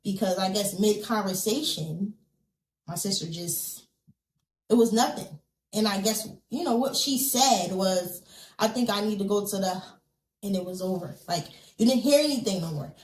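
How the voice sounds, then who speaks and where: The audio is rough and echoey as a woman on a podcast shares a personal story. Her medium-pitched voice keeps a normal speed while she earnestly relives the moments, voicing others' dialogue and leaning on many casual fillers.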